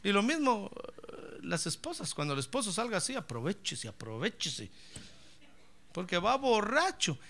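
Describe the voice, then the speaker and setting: A man preaching a lively sermon, joking with the congregation and breaking into shouted praise. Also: high voice, moderate pace, creaky. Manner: fervent, joking, bursts into shouted praise, keeps calling the listener brother.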